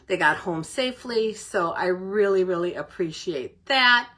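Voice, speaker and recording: A woman's voice: fairly low pitch, lively intonation, unhurried, a bit bright. Breathless older woman chatting. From Middle Tennessee, United States. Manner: chatty, greets viewers by name. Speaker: paper crafting livestream host. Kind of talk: casual livestream chat.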